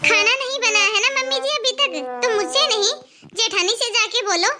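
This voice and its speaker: A woman's voice: extremely high pitch, moderate pace, pushed and bright, a little hiss or hum, full character voice. A woman voicing a lazy, sassy young daughter-in-law who argues back in a whiny, defiant way. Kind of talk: cartoon voice acting.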